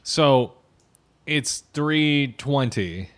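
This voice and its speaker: A man's voice: medium pitch, lively intonation, drawn-out words, clear, resonant tone. A man co-hosting a podcast in casual chat, telling rambling profane stories. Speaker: podcast co-host.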